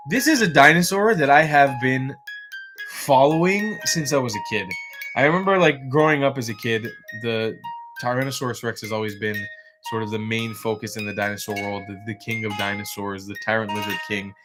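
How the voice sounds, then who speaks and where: A man's voice: medium pitch, fairly quick, over music. A man hosting a casual livestream, chatty and rambling with lots of fillers, tired and yawning. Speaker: livestream host.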